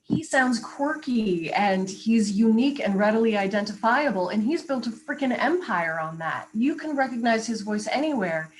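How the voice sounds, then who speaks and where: A woman's voice: on the high side, rough recording. A woman who works as a voice coach, talking animatedly and emphatically in a casual interview. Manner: animated, emphatic, quick asides. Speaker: voice coach and guest.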